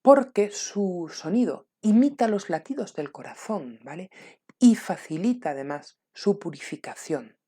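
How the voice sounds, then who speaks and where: A woman giving a calm spiritual talk, softly checking in with her listeners and sometimes dropping to a near whisper. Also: on the low side, a little slow, breathy edge. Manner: calm, soft-spoken, checks in often with "¿m?" and "¿vale?". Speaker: spiritual teacher.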